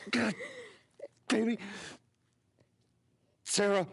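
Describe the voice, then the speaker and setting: A man's voice: high-pitched, steady tone, drawn-out words, vocal fry, a bit bright, a little hiss or hum, heavily acted. An actor playing a grieving father who pleads desperately over his dying daughter in a video game scene. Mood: pleading. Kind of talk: video game cutscene acting.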